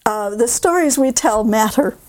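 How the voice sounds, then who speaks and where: A woman's voice: fairly high pitch, animated, normal speed, darkish tone, dry recording. A woman hosting an interview programme, speaking in articulate, carefully phrased sentences. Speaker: radio interview host. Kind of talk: scripted introduction and conversational interviewing.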